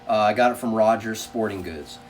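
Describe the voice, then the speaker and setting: A man's voice: fairly low pitch, brisk, distant mic, slight background noise. A man giving a casual product review in a plainspoken, conversational way.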